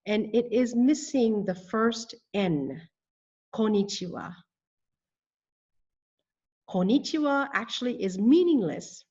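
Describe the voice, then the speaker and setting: A woman teaching a beginner language lesson at an unhurried pace, stretching each new word out syllable by syllable. Her pitch sits in a middle range. The recording sounds a little dull and lo-fi. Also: a little mellow. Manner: slow, deliberate, spells out words syllable by syllable. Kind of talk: scripted lesson narration.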